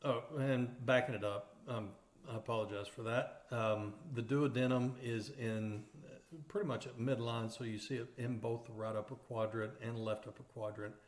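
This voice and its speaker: A man's voice: mid-range voice, fairly even intonation, moderate pace. A man with an East Texas accent teaching radiography in a lecture over slides, explaining step by step with many fillers and restarts. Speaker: radiography instructor. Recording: roomy echoey recording.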